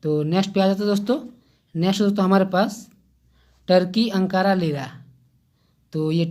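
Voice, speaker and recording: A man talking his viewers through an exam-prep lesson in an easy, chatty way. He keeps turning to the audience with little "okay?" checks. He pauses now and then to find his place. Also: high voice, warm tone. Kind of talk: casual general-knowledge lesson.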